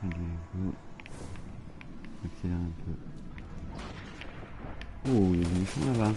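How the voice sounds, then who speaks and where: A man's voice: low-pitched, measured pace. A man livestreaming a video game with casual, offhand commentary. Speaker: livestreaming gamer. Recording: loud game music behind voice. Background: loud game music.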